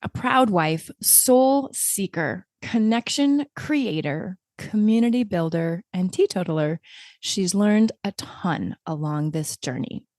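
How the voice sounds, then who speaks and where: A woman's voice: fairly low pitch, lively intonation, slow, darkish tone, no room sound, clean studio sound. A woman hosting a podcast, reading an upbeat scripted intro and then chatting effusively with a guest. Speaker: podcast host. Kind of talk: scripted intro and interview chat.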